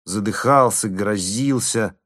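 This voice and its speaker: A man narrating a classic novel with an expressive, dramatic reading. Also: lowish voice, slow pace, dry recording, clean studio sound. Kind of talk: literary audiobook narration.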